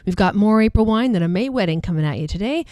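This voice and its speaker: An actress playing a radio call-in host, speaking in friendly on-air patter. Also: female voice, medium pitch, expressive, fast talker, warm tone, dry recording, clean studio sound, lightly acted.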